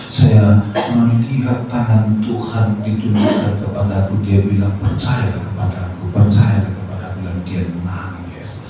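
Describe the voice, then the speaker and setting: A male pastor preaching to fellow ministers, moving between quiet storytelling and loud, climbing exhortation. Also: lowish voice, recorded from a distance. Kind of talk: sermon. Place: large church hall. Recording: echoey hall mic with background noise.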